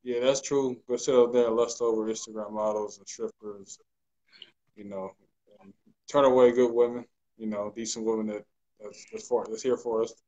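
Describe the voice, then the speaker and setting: A man co-hosting a talk show, calmly reading out comments and briefly agreeing with them. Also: lowish voice, moderate pace, rough recording. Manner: laid-back, reads quotes then agrees briefly.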